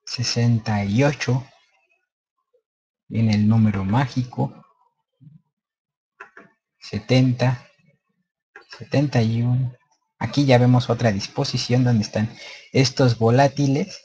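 A man's voice: medium pitch, steady tone, takes it slowly, long pauses, dark tone, slightly rough, highs cut off. A man presenting a slide lecture in casual unscripted speech, hesitant with many fillers and restarts.

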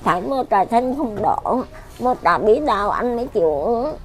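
In a casual chat, an elderly widow being interviewed rambles and repeats herself while complaining about her life. She has a Southern Vietnamese accent and a slightly high voice with lively intonation, and she talks at a moderate pace.

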